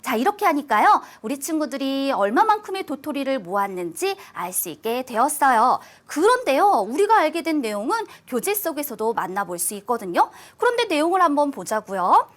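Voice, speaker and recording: Lively sing-song woman teaching kids. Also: sits high. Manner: sing-song, addresses kids warmly with drawn-out emphasis. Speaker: elementary math teacher. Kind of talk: online math lesson for children.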